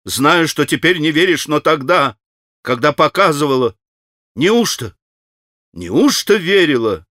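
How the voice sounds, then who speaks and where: A man's voice: fairly high pitch, very animated, unhurried, bright, forceful tone, no room sound, clean studio sound, heavily acted. A man reading an audiobook, voicing an impulsive, anguished young man who exclaims and pleads.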